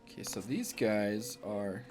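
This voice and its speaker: A man's voice: lowish voice, slow pace, over music. A man giving casual, chatty commentary while playing a video game, self-mocking and swearing now and then. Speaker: let's play gamer.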